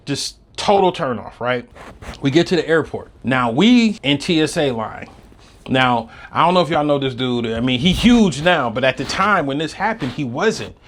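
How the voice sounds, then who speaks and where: A man hosting a podcast, telling a comedic story and swinging between low muttering and loud outbursts. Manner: fills his talk with "you know what I'm saying" and "right".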